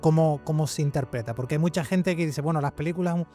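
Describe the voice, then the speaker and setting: A man's voice: on the high side, fast talker, warm tone, faint music behind. A man who hosts a podcast, asking interview questions and adding short, encouraging replies. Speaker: podcast host.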